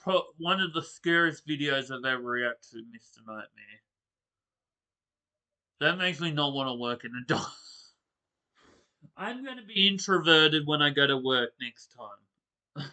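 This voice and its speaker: A reaction host comments on a horror story in loose, casual speech. The voice is bright and edgy, the delivery slow and drawn out. The reactions are blunt and exclamatory, peppered with swearing. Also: medium pitch, animated.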